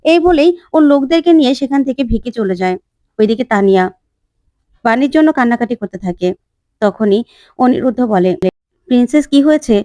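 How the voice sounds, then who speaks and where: A woman narrating a retelling of a TV serial episode in a plain, steady storytelling manner. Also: fairly high pitch, a little fast, pauses often, dry recording.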